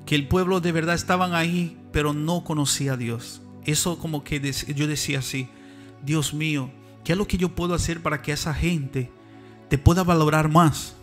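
A middle-aged man preaching a sermon as a missionary, fervent and emphatic, rising to loud insistent passages. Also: on the high side, fairly even intonation, moderate pace. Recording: faint music behind. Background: faint music.

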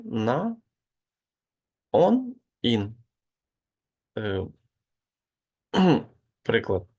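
Slow, gravelly male language teacher. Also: medium pitch, darkish tone. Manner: slow, patient explaining with hesitant fillers. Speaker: Spanish teacher. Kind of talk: online grammar lesson.

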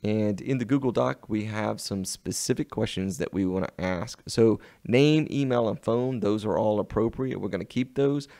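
Low gravelly Southern US man. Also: dark tone, dry recording. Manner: unhurried step-by-step walkthrough. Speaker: web design instructor. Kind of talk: screen-recorded software tutorial.

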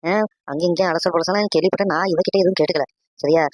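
A commanding old village matriarch from a cartoon, voiced by the show's performer. She talks fast with a lilt, scolding and giving orders. The sound is dry and close. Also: medium pitch, steady tone, dry recording, close to an everyday voice. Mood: bossy. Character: bossy old village woman, sharp-eared matriarch. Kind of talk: animated cartoon dialogue.

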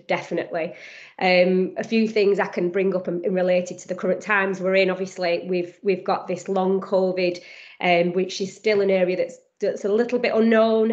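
Speaking as a guest at an online panel presentation, a woman with a strong Lancashire accent talks fast and cheerfully, with plenty of ums and restarts. Her pitch stays fairly flat and even, and she uses a headset on a video call that sounds slightly dull and lo-fi.

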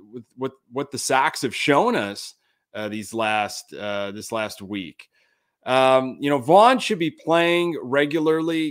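A man in his thirties hosting a sports podcast from a home studio, talking in a casual, frank way with lots of fillers. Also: mid-range voice. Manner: conversational, many fillers, frank and critical. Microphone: large desk mic on camera.

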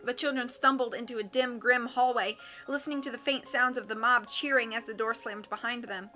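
A woman reading a storybook aloud as its narrator, with steady, expressive narration. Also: a little high, brisk, faint music behind. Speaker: audiobook reader.

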